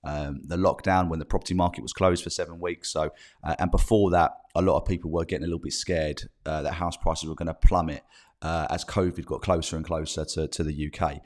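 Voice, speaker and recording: Middle-aged male live stream host, Essex accent, low pitch, slightly full of cold, informal news-update delivery. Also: steady tone, a little fast, darkish tone. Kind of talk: informal live news bulletin with chat to viewers.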